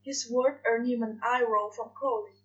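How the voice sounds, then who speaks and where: A woman's voice: a little high, fairly even intonation, normal speed. Woman reading a story on a muffled recording. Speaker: fanfiction reader. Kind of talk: reading fanfiction aloud. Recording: dull lo-fi recording.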